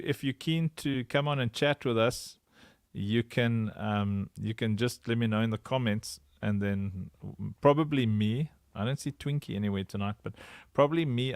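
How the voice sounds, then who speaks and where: A man's voice: mid-range voice, smooth, no echo, clean studio sound. A man hosting a casual livestream chat over a video call, playful and sing-song, laughing often. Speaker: livestream host.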